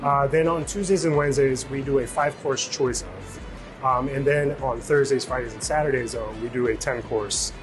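A man's voice: mid-range voice, moderate pace, over music. A middle-aged man from Illinois, a chef, casually walking through his dishes with many fillers, on a lapel mic in a restaurant kitchen. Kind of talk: interview, describing dishes.

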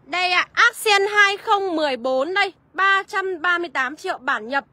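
A woman selling used cars on a live walkaround, listing prices briskly and calling out to viewers by name. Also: extremely high pitch, animated, bright, forceful tone, dry recording. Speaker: used car seller.

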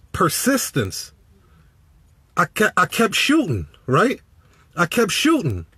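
With a slightly high, husky voice, an animated Chicago business coach preaches motivation on a live-stream from his parked car, welcoming viewers by name. His phone is held at arm's length, and the recording is dry.

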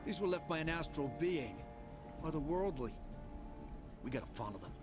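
A man's voice: a little high, animated, normal speed, over music, lightly acted. A man voicing a talking young mare with a laid-back surfer-dude manner, breezy and teasing, in a video game.

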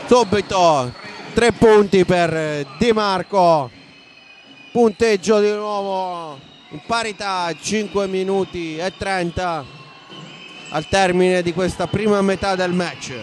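A man with an Italian accent giving live basketball play-by-play commentary from a sports hall, raising his voice excitedly at big plays. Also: sits high, slow. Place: indoor basketball arena. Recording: noisy sports hall ambience.

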